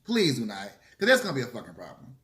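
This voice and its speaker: A man's voice: medium pitch, huge pitch swings, fast talker, a bit bright. A man chatting casually to camera during a mukbang, opinionated and sassy, with emphatic, slangy, swearing delivery between bites. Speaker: vlogger hosting a mukbang. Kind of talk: casual chit-chat to camera while eating. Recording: roomy, echoey room sound.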